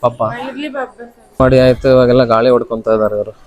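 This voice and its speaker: A woman, a parent narrating a vlog at her child's school and coaxing crying children in a high sing-song voice. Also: little pitch movement, fairly quick, muffled recording. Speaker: parent vlogger. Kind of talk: handheld vlog commentary. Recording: music playing loudly over the talk.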